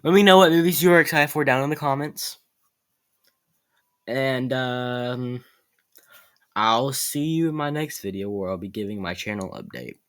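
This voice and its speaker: A man vlogging about upcoming movies in a casual, excitable way, rambling and correcting himself as he goes. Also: mid-range voice, normal speed, pauses often.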